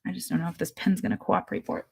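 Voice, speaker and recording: A woman hosting a casual rock painting livestream, sniffling from allergies and chatting as she paints, sometimes dropping to soft murmurs. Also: fairly low pitch, fairly even intonation, rapid-fire, creaky, husky. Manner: chatty, talks through her painting, drops to soft murmurs. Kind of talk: casual chat while painting.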